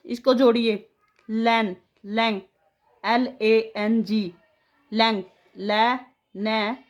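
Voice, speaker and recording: A woman leads a spelling lesson, breaking words into single letters and sounds. Her voice sits a little high, and she stretches every syllable out unhurriedly. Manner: slow, drawn-out syllable-by-syllable dictation. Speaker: English spelling teacher.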